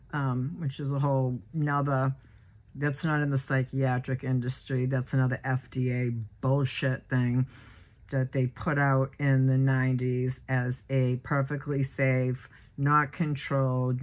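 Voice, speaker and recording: Low-voiced woman in her sixties, rambling. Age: 60s. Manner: rambling, many fillers and restarts. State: a little choked up. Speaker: vlogger. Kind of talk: casual personal monologue.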